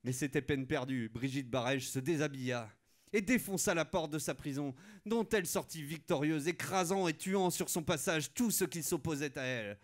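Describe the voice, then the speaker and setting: A man's voice: a little high, moderate pace. A man narrating a comic radio sketch, wry, with asides to the listener. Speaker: comedian narrator.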